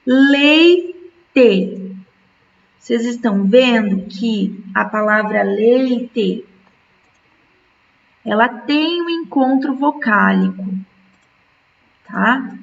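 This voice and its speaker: A woman's voice: on the high side, creaky, distant mic, lo-fi sound, a little hiss or hum. A woman teaching a school lesson, patiently stretching words out syllable by syllable. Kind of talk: recorded remote school lesson.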